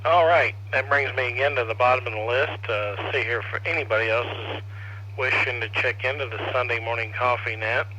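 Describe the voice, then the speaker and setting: A man's voice: medium pitch, fairly quick. A man hosting a ham radio net as controller, casually calling for check-ins and passing turns. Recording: faint noise on radio net audio.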